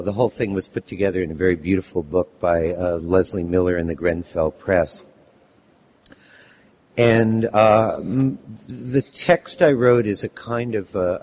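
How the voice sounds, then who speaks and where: A man with a lost, hoarse voice introducing and reading his text at a live poetry event, halting with many fillers. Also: low voice, a little mellow, a little hiss or hum. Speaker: poet reading his work.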